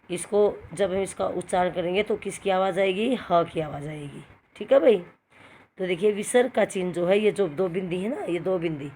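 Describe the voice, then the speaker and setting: Woman teacher, lowish voice, slow repeated examples, faint background hiss. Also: a little mellow. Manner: patient, repeats examples slowly, asks and answers her own questions. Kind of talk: recorded grammar lesson for students. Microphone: phone screen recording.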